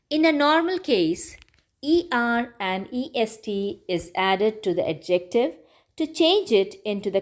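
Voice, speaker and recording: A woman teacher giving a patient grammar lesson to children, repeating words slowly and clearly. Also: medium pitch. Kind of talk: slow classroom grammar lesson.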